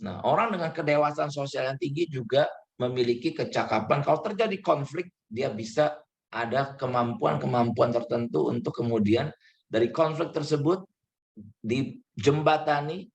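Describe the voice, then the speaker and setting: A male pastor preaches to his congregation in an easy, conversational way. His voice is gravelly at mid pitch. He slips English words into his points and acts out small exchanges. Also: normal speed. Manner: acts out little dialogues and laughs now and then. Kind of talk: sermon.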